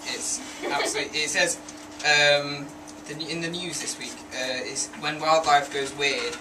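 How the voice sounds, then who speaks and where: A man's voice: a little high, flat delivery, unhurried. A man hosting a community radio show, chatting and joking in a rambling, casual way. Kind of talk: casual studio banter. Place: small community radio studio. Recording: echoey room, distant mic, background noise.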